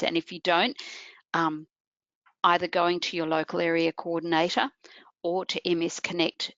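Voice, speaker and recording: A woman's voice: low-pitched, a bit bright, dry recording. A woman presenting an informational webinar, explaining things step by step and speaking directly to her listeners. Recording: muffled online webinar audio.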